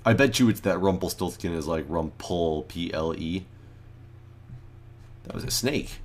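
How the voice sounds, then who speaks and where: Guy with a low voice thinking out loud while he plays a game, chatty. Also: unhurried. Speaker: gameplay commentator. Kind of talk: casual let's-play commentary.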